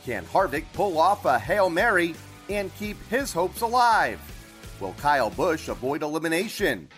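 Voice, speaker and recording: A man's voice: fairly high pitch, big pitch swings, normal speed, a bit bright, faint music behind. A man delivering a scripted sports report as a motorsport radio reporter.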